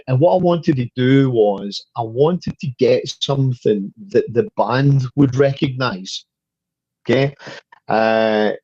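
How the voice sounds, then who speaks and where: A man's voice: medium pitch, a little mellow, dry recording. Chatty Scottish man, dull lo-fi sound. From Scotland. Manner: repeats words when starting sentences, chatty. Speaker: guest, fundraiser. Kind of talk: casual chat.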